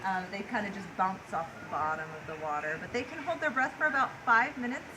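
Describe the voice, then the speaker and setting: A woman's voice: mid-range voice, expressive, fast. A woman zookeeper, casual and enthusiastic, giving an informal educational talk to visitors in an outdoor yard. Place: outdoor animal enclosure yard. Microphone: camera a few steps away. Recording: noisy outdoor handheld recording.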